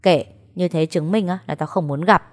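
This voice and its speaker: Woman putting on a carefree girl voice, high and chirpy, bold jokey storybook friend. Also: normal speed, darkish tone, natural voice. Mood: teasing. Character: cheeky carefree young woman, teasing and playful.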